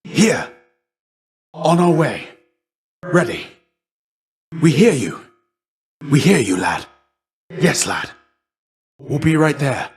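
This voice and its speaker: A middle-aged man gives a full character voice to a video game's gentle, weary warrior shade and mentor, with big pitch swings and a rousing, battle-ready mood. His deep voice is soft at the edges, and his speech stays measured, courteous, and old-fashioned in its formality.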